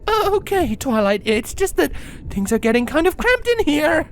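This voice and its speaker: A man reading a storybook, voicing a nervous disguised female insect queen in a hesitant falsetto. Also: big pitch swings, normal speed, slight background noise, heavily acted.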